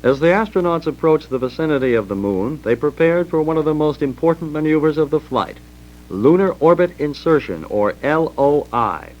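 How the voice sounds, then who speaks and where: A man with an American accent reading scripted historical narration as a documentary narrator, formal and measured. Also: fairly high pitch, animated. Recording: dull vintage record with hum.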